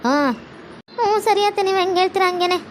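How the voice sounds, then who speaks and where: A woman's voice: very high voice, fairly even intonation, fast, a little hiss or hum, voice pushed up. A woman voicing a timid, obedient young bride-to-be. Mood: meek. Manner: soft and obedient.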